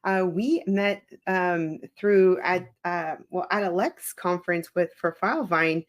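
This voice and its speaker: A woman's voice: fairly low pitch, a little slow. A woman hosting a podcast interview, talking enthusiastically and hesitantly with many fillers. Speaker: podcast host, immigration attorney. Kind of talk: casual interview.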